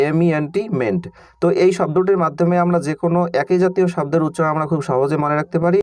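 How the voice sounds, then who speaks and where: An English reading teacher runs an online lesson, spelling words out letter by letter before pronouncing them and talking to his students in a direct, informal way. His voice is fairly high and a little mellow, captured in a dry, studio-quality recording.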